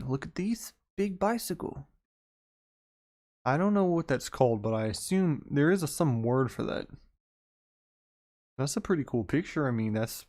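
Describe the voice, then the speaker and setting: Guy hosting a stock market livestream, reads the news out then rambles on about it, middle-pitched, easygoing. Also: darkish tone. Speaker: investing livestream host. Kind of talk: casual live-stream commentary.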